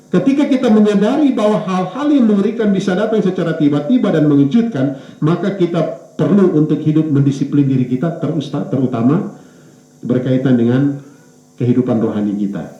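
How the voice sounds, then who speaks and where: A male pastor preaching a sermon, pausing on fillers and correcting himself, his pitch rising and falling for emphasis. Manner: hesitant, with fillers and self-corrections; lively rise and fall in pitch for emphasis. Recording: echoey church room, dull lo-fi sound.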